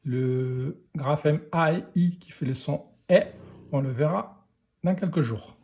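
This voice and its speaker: Male teacher for a kids' phonics lesson, unhurried delivery, sounds out each syllable, warm, mellow tone. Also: on the high side. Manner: slow, deliberate, sounding out syllables. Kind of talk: reading lesson for young children.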